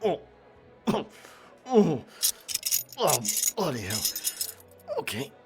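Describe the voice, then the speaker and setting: A man's voice: fairly high pitch, huge pitch swings, background noise, exaggerated voice. A man playing a roguish, flirtatious, cocky pirate captain in a theatrical, teasing audio roleplay. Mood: flustered, bluffing, then nervous, bargaining. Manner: teasing, theatrical, drawn-out delivery with chuckles. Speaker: voice actor. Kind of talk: romantic roleplay ASMR acting.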